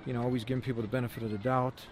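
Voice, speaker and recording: An earnest man speaks as a vlogging preacher, in a mid-pitched voice over faint street noise. His phrasing is informal and often repeats itself as he makes his point. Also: level tone, racing. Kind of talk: casual vlog talk with religious preaching. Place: outdoors outside a church in town.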